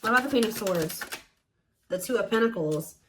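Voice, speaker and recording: This host has a mid-range voice that is animated and a little fast, with slight background noise. She conducts a casual, intuitive tarot reading for viewers in an emphatic, conversational style, often repeating herself for emphasis.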